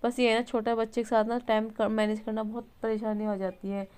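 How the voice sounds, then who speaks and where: A woman's voice: a little high, little pitch movement, fairly quick, darkish tone, clear, resonant tone. A young woman chatting casually in a home vlog at night, rambling with fillers and self-corrections as she talks about her children. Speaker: vlogger and mother.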